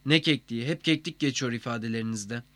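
Man doing stern police interrogator, curt questions, mid-pitched, dry storybook reading. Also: quick pace, a bit bright, no echo, close to an everyday voice.

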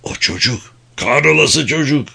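A man voicing a bitter, lonely old man who talks to himself in a low, brooding way in an audiobook. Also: lively intonation, normal speed, gravelly, pushed and bright, breathy edge, full character voice.

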